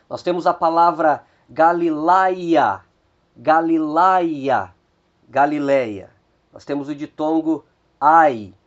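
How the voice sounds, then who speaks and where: Slow, deliberate Brazilian male teacher. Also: a little high. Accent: Brazilian Portuguese. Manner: slow and deliberate, repeats each Greek word twice. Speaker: Biblical Greek teacher. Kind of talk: slow video lesson. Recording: dull lo-fi recording.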